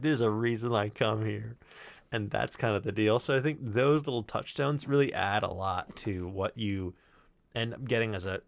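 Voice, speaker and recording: Presenting his own work, a sound designer with a low-leaning, gravelly voice gives a loose, rambling and profane walkthrough full of explanation, recorded dry.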